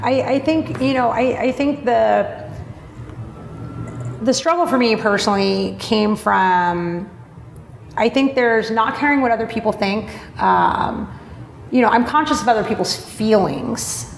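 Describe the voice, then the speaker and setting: A marketing blogger, this woman is heard as a podcast guest with a medium-pitched voice full of vocal fry. Her candid interview talk is blunt and open, scattered with fillers and some swearing. Room echo and faint noise sit under the recording.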